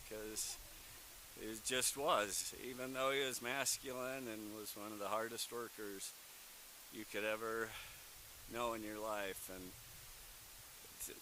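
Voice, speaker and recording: Halting man speaking over clear hiss. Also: lowish voice, fairly even intonation. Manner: halting, heartfelt, plain-spoken. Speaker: son giving a graveside eulogy. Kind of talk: informal memorial tribute. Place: outdoor graveside service. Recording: hissy, noisy outdoor recording.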